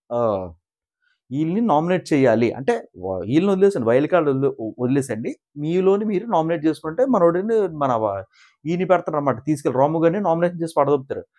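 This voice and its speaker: A man, chatting casually as he recaps a reality show like gossip for his viewers. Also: fairly high pitch. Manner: animated gossiping storyteller, asks viewers to like and subscribe.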